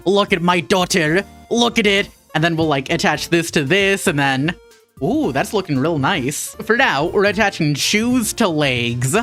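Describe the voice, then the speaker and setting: A woman's voice: lowish voice, animated, unhurried, fairly bright tone, soft background music. A woman from Minnesota with a Minnesotan accent, chatting irreverently with her chat while sewing on a livestream. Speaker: VTuber streamer. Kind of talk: casual craft livestream chat.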